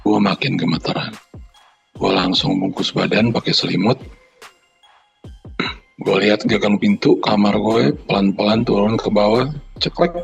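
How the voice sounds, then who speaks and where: A man's voice: fairly low pitch, measured pace, long pauses, highs cut off, soft background music. A man co-hosting a podcast, chatting in slang and reading a listener's horror story aloud, sounding out the noises in it. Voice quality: gravelly, husky. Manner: banters in slang, then reads steadily with sound effects.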